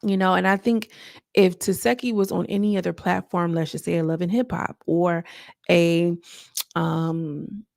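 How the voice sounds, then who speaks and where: Low gravelly woman spilling tea on a reality show, talks right at y'all, dry close sound. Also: steady tone, a little slow, a little mellow, no echo. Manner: chatty, addresses audience as y'all and girl, trailing restarts. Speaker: reality TV recap commentator. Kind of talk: casual gossipy chat to viewers.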